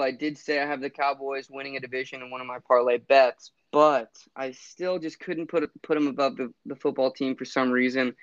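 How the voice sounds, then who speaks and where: A man's voice: mid-range voice, no room sound, muffled recording. A man co-hosting a sports podcast, rambling with fillers and restarts. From Florida. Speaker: podcast co-host. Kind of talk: casual sports chat.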